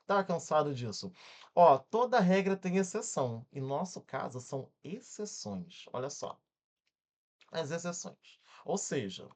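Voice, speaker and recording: Lively Brazilian man teaching grammar. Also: on the high side. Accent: Brazilian Portuguese. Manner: energetic, checks in often with quick questions; spells words out syllable by syllable. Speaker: exam-prep grammar teacher. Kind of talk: online exam-prep lesson.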